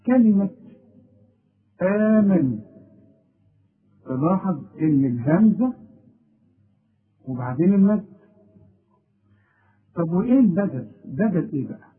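Egyptian guy teaching, fairly high voice, swings up and down a lot, tinny phone-line sound. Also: big pitch swings, moderate pace, pauses often, breathy edge. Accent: Egyptian Arabic. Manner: asks and answers his own questions, stresses key words. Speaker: Quran recitation teacher. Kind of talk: explanatory lesson.

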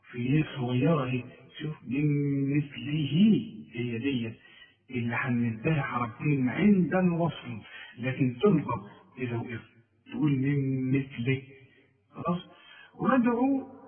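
A man with an Egyptian Arabic accent, teaching Quran recitation, switching between drawn-out chanted examples and quick explanations and checking that the listener follows. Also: medium pitch, echoey room. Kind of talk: tajweed lesson with recited examples. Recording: thin phone-like sound from a distance.

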